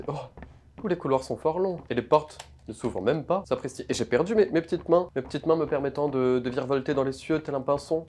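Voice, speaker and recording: A man's voice: mid-range voice, darkish tone, slight background noise. A man playing a horror game in let's play commentary, talking in a pompous mock-aristocratic manner with old-fashioned wording and jokey asides to viewers. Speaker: gaming YouTuber.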